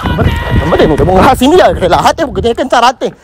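Pushy high-voiced coastal man. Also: sing-song, fairly quick, crowd noise. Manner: pushy, insistent, keeps repeating himself. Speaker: prankster. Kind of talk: hidden-camera street prank.

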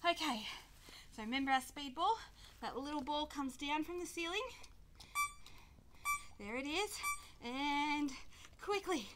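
Puffing while she works out, a woman with a high-pitched voice calls out instructions to kids in a grassy back yard, mixing brisk barked commands with encouragement. Her role is kids' fitness instructor. It was captured on a camera microphone a few metres away, giving noisy outdoor sound with occasional clicks.

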